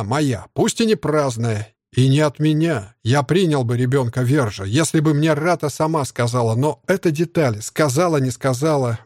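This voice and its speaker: A man's voice: medium pitch, darkish tone, no echo, studio quality, natural voice. A man voicing a brutish, cannibal cyborg gang boss who gloats, sneers and roars in an audiobook. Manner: gloating, sneering, roaring, with braying laughs. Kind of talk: audiobook character voice.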